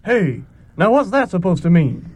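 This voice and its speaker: Comedy audio role: naive young sidekick, whiny, husky, high and lively played by a man. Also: moderate pace, no room sound, full character voice.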